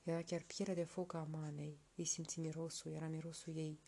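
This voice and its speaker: Woman storyteller, folk tale reading, hushed and slow, low mellow voice. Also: flat delivery, creaky, slight background noise. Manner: soft, slow, hushed narration.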